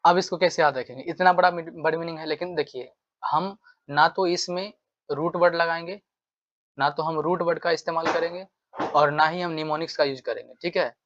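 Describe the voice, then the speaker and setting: A man's voice: a little high, fairly even intonation, a little fast, a bit bright, lo-fi sound. A man teaching an exam-prep vocabulary lesson, repeating phrases over and over and acting out angry demands as examples. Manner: repetitive, drills phrases over and over; acts out angry demands while explaining.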